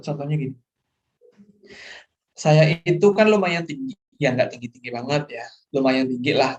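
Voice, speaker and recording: This middle-aged male lecturer has a creaky, mid-range voice. Teaching online, he works through the course material, frequently makes sure students keep up, and slips English terms into his speech.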